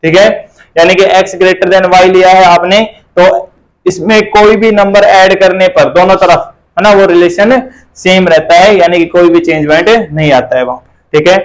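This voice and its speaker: A man's voice: high voice, fairly even intonation, normal speed, poor audio. A man teaching a math class, asking and answering his own questions and repeating the key terms.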